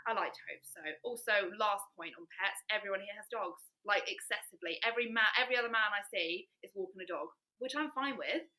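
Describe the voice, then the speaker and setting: A woman's voice: mid-range voice, sharp tone, rough recording. A woman from England, a podcast guest, chatting casually and cheerfully about her new life abroad. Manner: chatty and upbeat, quick laughs. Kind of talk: casual chat.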